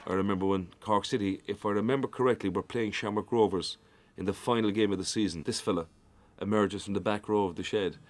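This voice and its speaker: A man's voice: lowish voice, fairly even intonation, fast talker, hardly any pauses, slight background noise. A man recalling stadium anecdotes in a wry, storytelling manner. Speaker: interviewee. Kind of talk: reminiscing storytelling.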